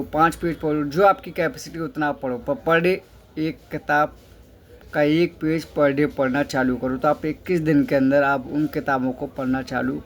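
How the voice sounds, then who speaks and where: This motivational speaker has a fairly high-pitched voice, with a little background noise in the recording. He guides listeners step by step, raises questions only to answer them, and drives points home by repeating key phrases.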